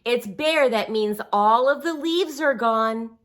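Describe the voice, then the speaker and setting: A woman takes it slowly as she reads a picture book to young children, her voice on the high side. She speaks simply and encouragingly, with expressive emphasis and occasional asides and questions.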